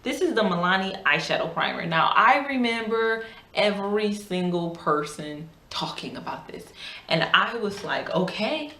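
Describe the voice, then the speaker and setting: A woman's voice: mid-range voice, animated, moderate pace, pushed and bright, roomy sound. A woman chatting casually and emphatically in a product review, her speech slightly thick from a swollen mouth. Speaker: beauty YouTuber.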